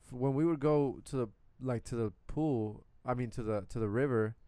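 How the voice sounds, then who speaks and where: His mid-range voice is smooth and moderately paced, recorded without echo. A young podcast co-host from Puerto Rico, he tells casual stories in a blunt, cursing style, acting them out with quoted remarks.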